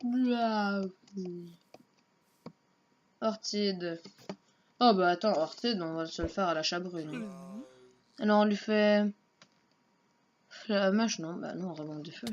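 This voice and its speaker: Casual gamer woman, slow offhand running commentary, dull lo-fi home mic. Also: mid-range voice, slight background noise. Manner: muttering to herself, unhurried and offhand. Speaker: let's play gamer.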